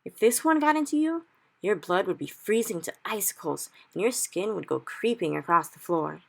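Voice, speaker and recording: A woman with an expressive mid-range voice, pushed up and carrying vocal fry, voices a big, friendly male giant at a moderate pace. Earnest in mood, he mangles his grammar with made-up words and cries out loudly in anguish over a caught nightmare.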